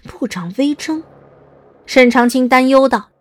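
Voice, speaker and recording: A woman's voice: high-pitched, a little slow, no room sound. A woman reading scripted narration as the narrator of a dramatised audiobook.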